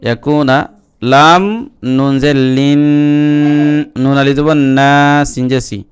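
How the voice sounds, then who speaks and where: A man teaching Quran reading, chanting verses slowly and then explaining the rules in quick Bengali. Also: mid-range voice, steady tone, smooth. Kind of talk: spelling-out lesson with recitation.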